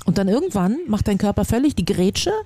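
Earnest high-voiced man, mellow tone. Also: expressive, a little fast, dry recording. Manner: earnest, confessional storytelling. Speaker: podcast co-host. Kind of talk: casual chat. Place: small balcony outdoors.

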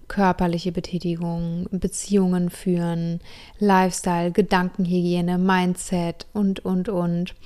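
A woman's voice: lowish voice, darkish tone, smooth. A woman in her thirties, a yoga teacher hosting her own podcast, telling her life story in a heartfelt, enthusiastic way and sprinkling in English words. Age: 30s. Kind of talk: personal storytelling monologue.

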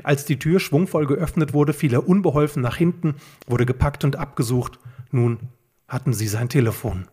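A man narrating a fan-made detective story as an audiobook reading, steady and plain. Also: medium pitch, moderate pace, slightly rough.

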